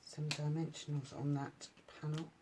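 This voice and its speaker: A woman demonstrating paper crafts at home, chatting in a relaxed way and thinking aloud with many ums. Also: low-pitched, moderate pace, background noise. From United Kingdom. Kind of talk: casual craft tutorial.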